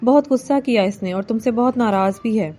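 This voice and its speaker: Woman reading a weary older mother, affectionate, fairly high mellow voice. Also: lightly acted. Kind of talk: novel reading.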